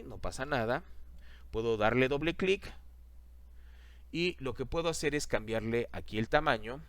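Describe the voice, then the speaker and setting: A man teaching a software lesson over a screen recording, talking the class through each click and repeating the steps. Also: mid-range voice.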